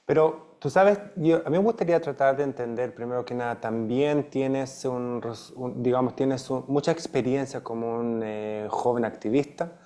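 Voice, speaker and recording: A man hosts an interview and frames his questions in a halting way. He often breaks off and restarts mid-phrase. His voice sits at an ordinary middle pitch. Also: mellow. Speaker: host, interviewer. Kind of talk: interview hosting.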